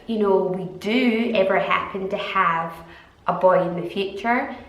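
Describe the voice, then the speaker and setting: A woman's voice: medium pitch, fairly bright tone. Chatty Scottish woman in an echoey room. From Scotland. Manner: chatty, giggly, drawn-out emphatic words. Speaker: vlogger and mother of two. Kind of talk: casual chat to camera.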